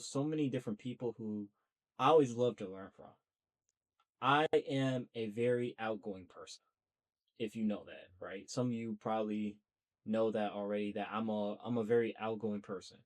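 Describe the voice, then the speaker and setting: This podcast host is a young man whose voice sits at medium pitch with a darkish tone. Addressing the camera alone, he chats loosely and earnestly about launching a podcast, going on at length in a talkative, self-motivating way.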